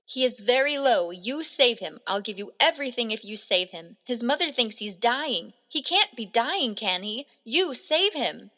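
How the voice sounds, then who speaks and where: A woman voicing a frantic, grieving Sicilian immigrant father with a Sicilian accent, speaking hushed, pleading, broken English. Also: on the high side, animated, moderate pace, few pauses. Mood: frantic begging.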